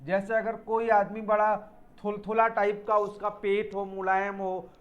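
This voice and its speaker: A man's voice: sits high, monotone, unhurried, highs cut off. A man teaching an English spelling lesson for exam students, explaining step by step, spelling words out letter by letter and calling his students children.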